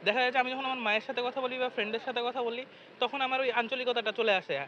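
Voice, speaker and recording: A man's voice: very high voice, fairly even intonation, fast, pushed and bright, slight background noise. A young man from Rangpur answering a street interviewer at a fair, speaking in an earnest, wistful way. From Rangpur, Bangladesh. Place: outdoors at a busy fair. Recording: muffled outdoor street recording.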